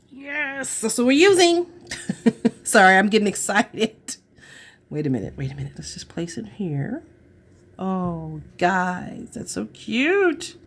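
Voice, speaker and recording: This craft vlogger has a lowish, somewhat dark-toned voice. She chats her way through a crafting tutorial, gushing over her work and dropping to murmurs while she works.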